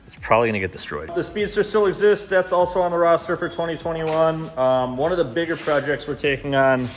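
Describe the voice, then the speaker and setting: Animated and fairly quick, a man with a fairly high-pitched voice chats to camera while hosting a car build vlog. Music plays in the background as he talks off the cuff, loose with slang and casual swearing.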